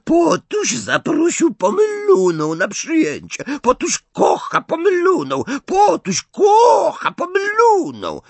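A man's voice: very high voice, huge pitch swings, slow, hardly any pauses, no echo, voice pushed up, heavily acted. A man voicing a cackling, spiteful male poltergeist who shrieks sing-song taunts from above. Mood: jeering.

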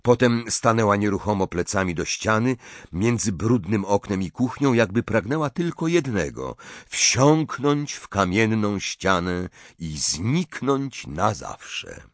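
A man reading a story aloud as an audiobook narrator, in expressive scripted narration on a close mic. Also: lowish voice, measured pace, no echo.

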